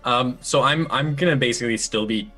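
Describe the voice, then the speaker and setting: A man's voice: mid-range voice, a little fast, sharp tone, soft background music. A man playing a tabletop game, talking in casual banter with a sardonic manner.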